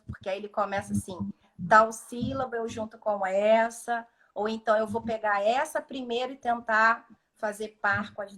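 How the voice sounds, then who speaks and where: A woman's voice: a little high, a bit bright. A woman speech therapist explaining cognitive activities in a live video call, often acting out short dialogues with patients.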